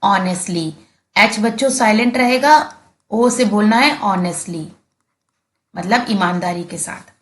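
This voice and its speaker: An Indian woman teacher, a Hindi speaker, explaining English textbook words slowly and patiently, repeating each key word. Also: mid-range voice, a bit bright.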